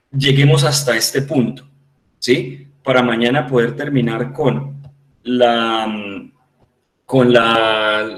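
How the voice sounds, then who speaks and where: A man's voice: medium pitch, fairly bright tone, roomy sound, low-quality recording. A man with a Colombian Spanish accent teaching a class online, patiently repeating points and checking that his students understand.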